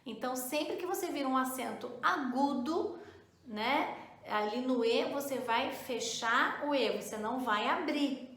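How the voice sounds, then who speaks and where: A fairly high-voiced woman teaches a relaxed spoken lesson. She explains things patiently, often checks that the listener is following, and slows down to model each word carefully. Her voice rings around an echoey room. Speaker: French teacher.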